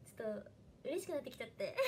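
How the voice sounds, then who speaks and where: A woman's voice: high voice, sing-song, moderate pace, a little hiss or hum. A young woman with a Hiroshima dialect, chatting casually on a livestream and thanking viewers by name. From Fukuoka, Japan. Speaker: idol trainee livestreamer.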